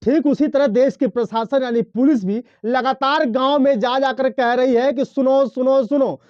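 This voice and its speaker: Male news commentator, high voice, emphatic, rhetorical questions, dry dull recording. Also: steady tone, moderate pace, a little mellow, clear, resonant tone, dry recording. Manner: emphatic, rhetorical, addressing listeners directly. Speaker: news video presenter.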